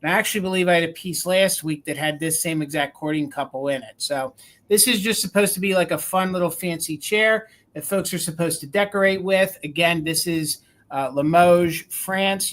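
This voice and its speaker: A woman's voice: low voice, moderate pace. Chatty woman hosting a live sale. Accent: regional American. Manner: chatty, describes items and counts down bids. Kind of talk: live auction selling.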